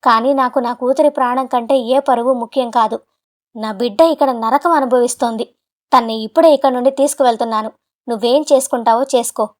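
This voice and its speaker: A woman's voice: fairly high pitch, fairly even intonation, brisk, natural voice. A woman voicing an elderly father who speaks with grave, firm force, protective of his daughter, in a storybook drama. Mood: stern angry.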